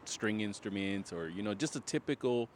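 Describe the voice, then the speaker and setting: A man with a lowish voice co-hosts a podcast in laid-back chat. He restarts his sentences often, and faint noise sits under his voice. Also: expressive, moderate pace. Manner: easygoing, hesitant, restarts sentences. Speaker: podcast co-host. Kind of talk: casual chat.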